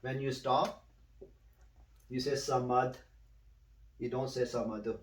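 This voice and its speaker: A man tutoring one student in recitation, patiently explaining and repeating words slowly so the student can echo them. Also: medium pitch, monotone, far from the mic. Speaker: Quran recitation teacher. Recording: roomy, a bit off-mic.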